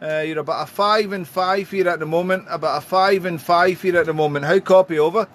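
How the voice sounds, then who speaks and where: A man with a British accent chatting as an amateur radio operator, deliberate and full of call phrases. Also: sits high, fairly even intonation, a bit bright. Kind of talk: casual radio contact chat. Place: home radio room.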